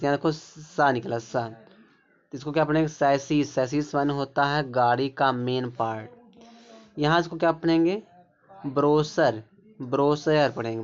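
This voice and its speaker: A man teaching English pronunciation rules, explaining word by word and pointing things out again and again. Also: a little high. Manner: repetitive, keeps pointing things out. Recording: dull lo-fi recording.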